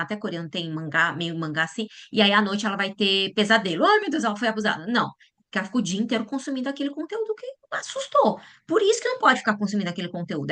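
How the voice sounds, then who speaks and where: Woman giving a talk to parents, rapid and animated, keeps checking the room follows. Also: medium pitch. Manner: acts out quoted voices. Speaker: lecturer at a church parents' talk. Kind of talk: lecture to parents.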